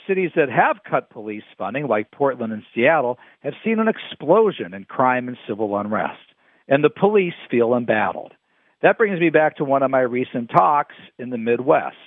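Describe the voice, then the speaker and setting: A man's voice: mid-range voice, husky, dry recording. A man delivering a scripted radio commentary, emphatic and quoting his sources. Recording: dry phone-like radio sound.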